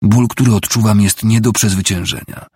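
A man's voice: on the low side, fairly even intonation, moderate pace, warm tone, husky, no echo, studio quality. A man reading the part of a broken, grieving father living on the streets, bitter and stubborn.

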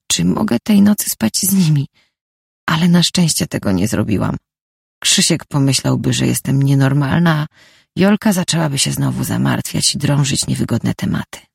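A woman narrates a first-person novel calmly and reflectively. Her voice is strongly gravelly and husky, with lively pitch movement. The recording is close and dry. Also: no echo. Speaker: audiobook narrator.

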